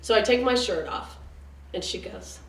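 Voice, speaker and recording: A woman in her late forties tells a chatty, self-mocking story on stage. The mic is some way off in a roomy space, with steady noise behind her. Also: medium pitch, moderate pace. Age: late 40s. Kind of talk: live comic storytelling. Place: theater stage before an audience. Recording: roomy, distant, noisy live room.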